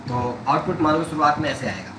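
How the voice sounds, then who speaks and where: A man's voice: on the high side, expressive, fairly quick, reverberant, noisy background. A man teaching programming step by step, checking that his students follow along. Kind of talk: coding tutorial.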